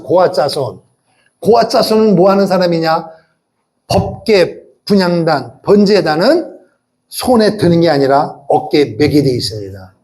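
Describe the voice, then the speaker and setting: A middle-aged male pastor preaching a sermon, animated, asking the congregation questions and leading them in repeating phrases. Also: high-pitched. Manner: animated preaching with rhetorical questions and call-and-response.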